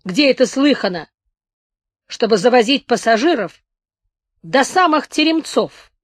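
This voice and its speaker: A stubborn old village man , as a woman reader puts him on, bickers and wheedles in rustic speech. The voice pushes up high and loud against her usual reading. It is recorded dry and close for an audiobook. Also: big pitch swings, measured pace, dry recording. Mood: quarrelsome. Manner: grumbling, quarrelsome, rustic speech.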